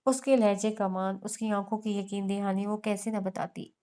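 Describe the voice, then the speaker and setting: Woman narrator, novel reading, smooth clear voice, flat even delivery. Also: mid-range voice, moderate pace. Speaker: audiobook narrator.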